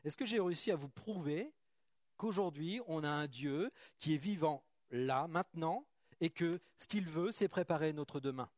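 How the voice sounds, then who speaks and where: A man preaching to his congregation, reading Bible passages and then talking to the room casually. His voice sits fairly high, and the sound is dry and close. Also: normal speed, a little mellow, no echo. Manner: reads scripture then comments casually, chatty asides to the congregation. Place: church.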